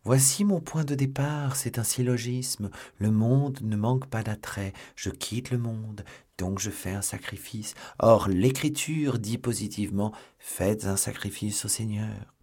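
A man voicing a young male musketeer turned earnest, pious seminarian who speaks gently. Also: on the low side, unhurried. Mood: gentle, earnest.

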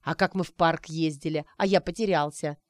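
A man's voice: a little high, fairly even intonation, brisk, no echo, studio quality, natural voice. A woman voicing a cheerful young man, surprised and jovial.

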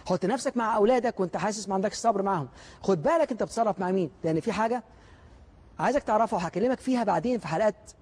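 A man gives a motivational lecture in an Egyptian Arabic accent, speaking very quickly. His voice sits high and has a husky edge. He leans on rhetorical questions and acts out other people's words to drive his points home. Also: darkish tone.

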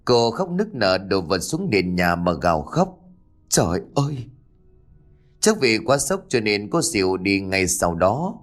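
A man narrates a ghost story with a low voice that swings widely in pitch. His delivery is dramatic and expressive. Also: unhurried, faint music behind.

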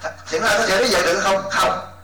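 A man, a Buddhist monk, gives an animated dharma talk and keeps asking his listeners for agreement. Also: high-pitched, fast talker, a crowd in the background. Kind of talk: dharma talk to a retreat audience. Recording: echoey hall, distant mic, faint hum.

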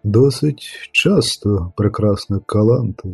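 A man's voice: on the low side, gravelly, darkish tone, slightly rough, no room sound, faint music behind, exaggerated voice. A man voicing a bold, gallant grown island warrior in an audiobook. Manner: gallant, slow and weighty.

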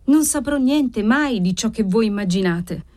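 A woman's voice: fairly high pitch, lively intonation, unhurried, darkish tone, no echo, studio quality. A woman reading the part of a timid, frightened young noblewoman who answers faintly. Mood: faltering. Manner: faint, hesitant.

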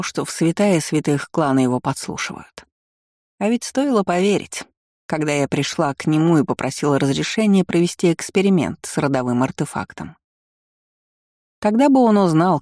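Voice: medium pitch, a little mellow, no room sound, studio quality, lightly acted. A reader voicing a cruel, scheming vampire woman who mocks everyone with contempt. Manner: mocking, contemptuous, theatrical laughter.

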